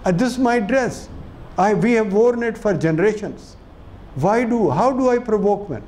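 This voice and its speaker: A man's voice: animated, normal speed, a little mellow, a little hiss or hum. A man voicing an indignant young British woman, protesting in a raised voice. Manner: high, protesting, questioning.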